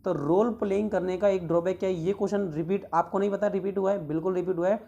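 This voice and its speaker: A male teacher going through exam questions one by one. He reads each English question slowly, then explains it in a chatty way, asking the class rhetorical questions. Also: sits high, steady tone, creaky, warm tone, muffled recording. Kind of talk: exam question walkthrough lesson.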